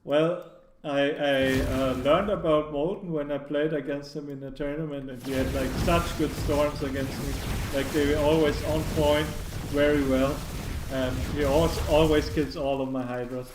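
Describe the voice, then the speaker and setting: A man's voice: a little high, fairly even intonation, normal speed. A man doing casual live commentary on a video game match, talking in a loose, hedging way full of "like" and restarts. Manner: hedging, filler-heavy analysis with frequent "like" and restarts. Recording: echoey room, faint background noise.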